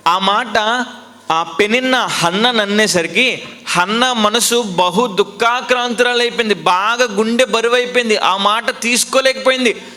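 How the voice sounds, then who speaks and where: A male pastor preaches with a high, bright voice. He drives the sermon with emphatic repetition, rhetorical questions and call-and-response. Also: unhurried.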